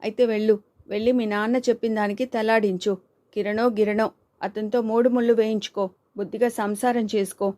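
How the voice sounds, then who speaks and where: A woman's voice: mid-range voice, little pitch movement, fairly quick, close to an everyday voice. A woman voicing Kanchana, an outspoken young woman who scolds and urges her friend, in an audiobook reading. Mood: scolding. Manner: scolding, urging, sharp retorts.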